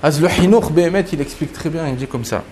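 A man teaching a Talmud story, acting out the quotes with big jumps in pitch. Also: quick pace, a little mellow, a little hiss or hum. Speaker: Torah teacher. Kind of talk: lively Talmud story lesson.

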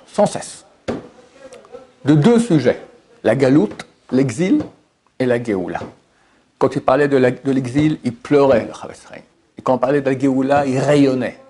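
A man's voice: medium pitch, mellow, a little hiss or hum. A man giving a religious lesson as a sermon, addressing listeners directly with rhetorical questions and impassioned, rising emphasis. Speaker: rabbi giving a Torah lesson.

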